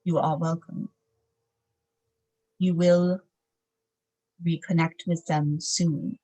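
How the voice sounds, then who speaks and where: Slow, low-voiced woman channeling like a medium. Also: flat delivery, mellow, highs cut off. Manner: seance-medium delivery, measured, formal, solemn phrasing. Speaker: trance channeler, seance medium. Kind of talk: trance channeling, speaking as a spirit guide to a client.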